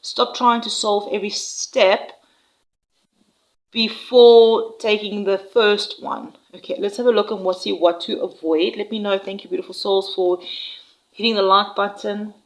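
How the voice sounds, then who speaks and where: A woman giving an intuitive tarot reading to viewers, speaking in an unhurried, reassuring way with frequent "all right?" check-ins. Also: medium pitch, steady tone, rough recording. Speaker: tarot reader.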